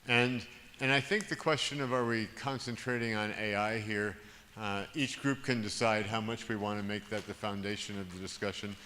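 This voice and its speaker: A panel moderator with a lowish, steady, sharp-toned voice runs a summit discussion in a large conference room at a moderate pace. He's hesitant, restarting often and chuckling as he organizes the group. The audio has roomy hall reverb and background hiss.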